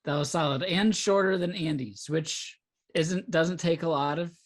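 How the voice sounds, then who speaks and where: A man's voice: on the high side, normal speed. A man co-hosting a casual podcast, teasing and laughing with friends. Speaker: podcast co-host.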